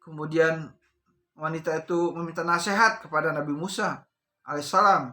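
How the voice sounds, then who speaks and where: Bright-voiced male preacher telling a story. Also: a little high, fairly even intonation, moderate pace. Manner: repetitive, addresses listeners as brothers. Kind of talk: sermon storytelling.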